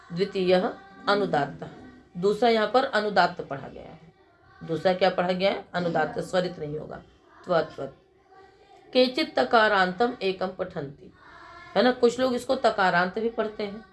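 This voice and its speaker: A middle-aged woman giving a grammar lecture, asking her class questions and answering them herself, and reciting rules in a slow, measured chant. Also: medium pitch, slight background noise. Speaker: Sanskrit grammar teacher.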